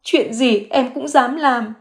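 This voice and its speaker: A woman voicing a young mother caught in a lie, crying and begging forgiveness in a high, strained voice. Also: a little slow. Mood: tearful confession. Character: young mother caught lying, tearful, groveling.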